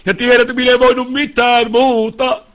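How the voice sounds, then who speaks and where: A fervent male preacher with a high voice that climbs into pleading cries. He keeps asking the crowd "you know?" as he speaks. The recording is dull and lo-fi. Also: little pitch movement, a bit bright. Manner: fervent, rising to pleading cries, many asides to the listeners. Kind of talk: sermon. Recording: dull lo-fi sound.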